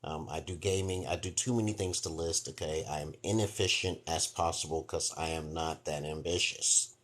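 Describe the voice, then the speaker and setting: A man's voice: a bass voice, fairly even intonation, normal speed, fairly bright tone. A man in his forties with a New York accent, hosting a casual livestream, rambling through relationship advice and tagging "okay?" onto his sentences. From Brooklyn, New York, USA. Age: 40s. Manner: rambling, repeats "okay?" often.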